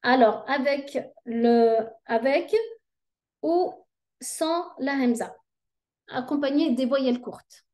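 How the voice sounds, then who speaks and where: Female teacher, unhurried and patient, spells out each letter slowly and carefully. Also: high-pitched, a little mellow. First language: Arabic. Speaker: Arabic reading teacher. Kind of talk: slow step-by-step lesson.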